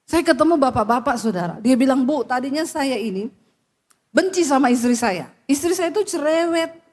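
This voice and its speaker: High-voiced woman pastor preaching. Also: moderate pace. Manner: animated preaching, often dropping low to voice quoted people; blunt, scolding address to the listeners. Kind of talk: sermon.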